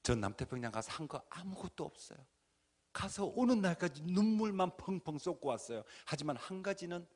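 A man preaching a dramatic testimony sermon in a church, swinging from hushed tones to shouted pleas. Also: on the high side. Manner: acts out his own pleas and cries. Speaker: guest speaker at a church revival. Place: church sanctuary.

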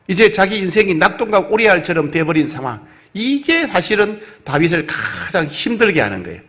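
A man preaching a sermon, reading scripture verses slowly and then explaining them with rhetorical questions. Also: fairly high pitch. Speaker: pastor.

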